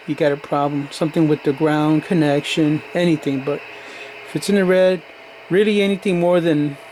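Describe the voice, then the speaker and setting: This is a casual hands-on demonstration of radio gear by a man whose voice is fairly high with a darkish tone. He explains it plainly, step by step, like a hobbyist, while radio static and background noise fill the noisy recording.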